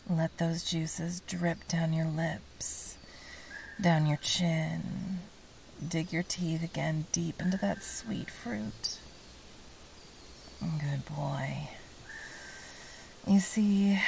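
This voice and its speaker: A woman performs an ASMR role-play as an indulgent, seductive temptress. Her honeyed voice sits on the low side, soft and velvety with a creaky edge. She coaxes in a sultry way, over faint background noise.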